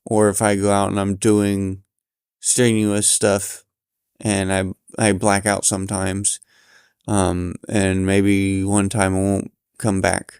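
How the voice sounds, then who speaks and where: Tired, low-key man musing from bed. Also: completely flat delivery, a little mellow, smooth, no room sound, studio quality. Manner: tired, halting, reflective. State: sleepy, yawning. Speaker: vlogger recording his thoughts. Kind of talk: candid personal monologue. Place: lying in bed at home.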